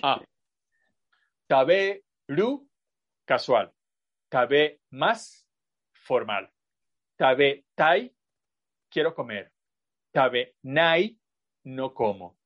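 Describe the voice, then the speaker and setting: The audio is dull as a man with a medium-pitched, animated voice leads an online language lesson. He explains patiently, using examples and side remarks, and his speech is long-winded and repetitive, full of fillers.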